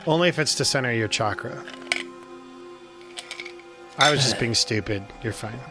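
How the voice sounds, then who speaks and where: A man's voice: mid-range voice, moderate pace, loud music behind the voice. A man running a tabletop game as game master, narrating casually in a joking, rambling way. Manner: joking, rambling with many hedges.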